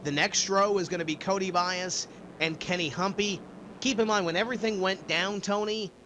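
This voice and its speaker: A man's voice: high voice, bright, forceful tone, slight background noise. A man commentating a sim race in a casual, rambling way with many fillers. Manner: casual, with frequent uh fillers and restarts.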